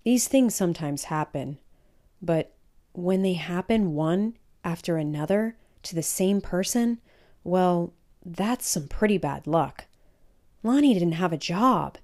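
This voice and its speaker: Reading a children's picture book aloud, this woman uses an expressive, emphatic storytelling manner. Her voice is on the low side and her pace is slow.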